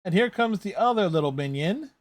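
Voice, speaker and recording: A man's voice: sits high, expressive, fairly quick, dry recording. A man hosting a reaction video, giving casual, rambling, conversational running commentary on a TV show.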